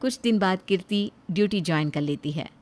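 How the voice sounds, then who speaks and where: A woman narrating a moral story in a steady, plain storytelling manner. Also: fairly low pitch, brisk.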